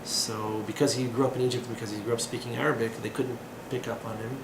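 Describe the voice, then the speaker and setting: This is an informal class lecture by a man in his thirties, full of tangents, fillers and dry, sardonic jokes, recorded in an echoey small room with background noise. His medium-pitched delivery is quick, with little pitch movement.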